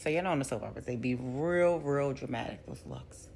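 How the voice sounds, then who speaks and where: A woman giving a casual episode recap as a reviewer, a lively storyteller who acts out the characters' lines. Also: extremely low pitch, fairly quick, vocal fry, slight background noise. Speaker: TV show reviewer.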